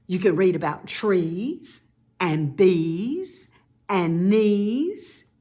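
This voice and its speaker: Reading a children's picture book aloud, a medium-pitched woman sounds expressive and teacherly, pausing for casual explanations aimed at young listeners.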